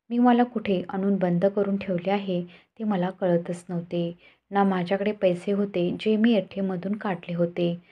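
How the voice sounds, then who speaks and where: A woman telling a story in steady, scripted narration. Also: medium pitch, husky. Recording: dull lo-fi recording.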